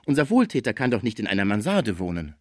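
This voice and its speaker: A man's voice: lowish voice, big pitch swings, fast talker, no echo, studio quality. A man reading aloud, voicing a poor theatre extra who is beside himself with joy. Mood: overjoyed. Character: excited poor male theatre extra, overjoyed.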